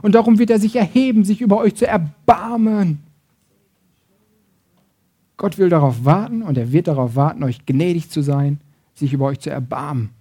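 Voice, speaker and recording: A man preaching a sermon, switching between loud emphasis and soft, intimate passages, acting out quoted voices and often adding "ne?". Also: on the high side, moderate pace, long pauses, husky. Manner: acts out quoted voices, uses tag question "ne?".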